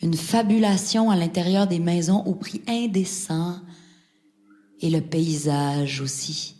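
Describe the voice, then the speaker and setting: An actress plays a dreamy woman confiding a fascination with houses and landscapes, delivering a poetic theatrical monologue and lingering on her words. Her fairly low, dark voice is slow and musing, picked up by a stage microphone. Music plays under the voice, with seashore waves and gulls in the background.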